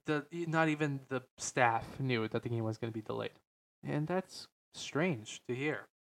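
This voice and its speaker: A man hosting a casual podcast on entertainment in a deep, slightly stuffy voice, rambling and correcting himself as he goes. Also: moderate pace, vocal fry. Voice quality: slightly stuffy, nasal sound. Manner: hesitant, rambling, self-correcting, frequent "like". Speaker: podcast host. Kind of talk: casual unscripted podcast talk about games and films.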